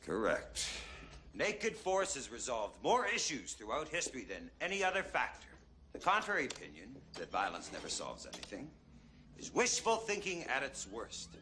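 A stern teacher from a film who lectures his class with force and command. His voice is sharp and bright, and his pitch swings widely from line to line. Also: huge pitch swings, moderate pace, slight background noise.

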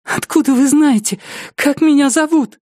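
A woman's voice: high voice, normal speed, darkish tone, dry recording, studio quality, voice pushed up, close to an everyday voice. A man doing a frightened, pleading young woman.

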